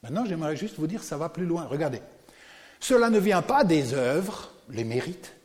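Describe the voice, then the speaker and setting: A man preaching a sermon to a congregation, animated and often putting questions to his listeners. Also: a little high, normal speed, long reverb tail. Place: church.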